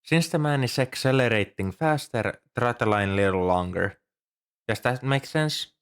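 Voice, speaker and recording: Voicing a shy, earnest young student librarian, a man performs a scripted one-sided ASMR roleplay at normal speed. His medium-pitched voice is expressive, clean and natural, and the character sounds patient, helpful, hesitant and apologetic. He is an amateur audio roleplay performer.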